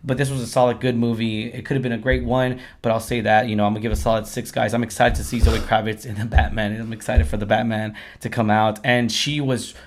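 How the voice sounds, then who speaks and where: Male review-show host, hoarse and strained from a lost voice, rapid, effusive, chatty. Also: mid-range voice, flat delivery. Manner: effusive, repeats himself. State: hoarse, lost his voice after singing at a concert. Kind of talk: casual film review chat.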